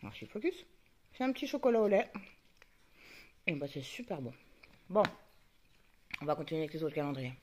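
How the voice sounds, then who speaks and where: Chatty woman with a lively voice. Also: deep voice, a little fast, pauses often, slight background noise. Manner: chatty, talks to the camera focus, muttering asides. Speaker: YouTuber unboxing advent calendars. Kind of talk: casual chat.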